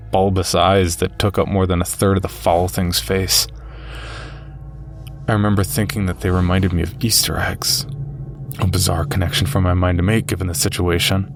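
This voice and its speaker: With a deep voice, a man narrates a frightening run-in with a monster as scripted first-person storytelling, his delivery measured and grave. Music plays in the background.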